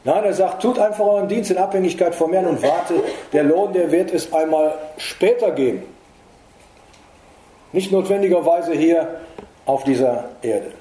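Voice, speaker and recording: A middle-aged man preaching a sermon in earnest, emphatic tones, rising in pitch to stress his points. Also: normal speed, dark tone. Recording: echoey room.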